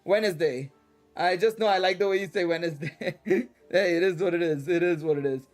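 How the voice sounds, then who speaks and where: A high-voiced man from Dubai and India streams a game while talking a little fast, rambling casually and full of slang. His Indian English accent shifts, picking up British and American touches, and music plays in the background.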